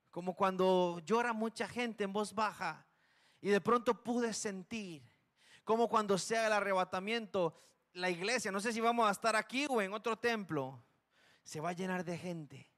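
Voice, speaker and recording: A male preacher from Costa Rica delivers a passionate sermon in a church. His voice sits high and rings bright. He swings from urgent, forceful declarations to hushed, low warnings. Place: church sanctuary.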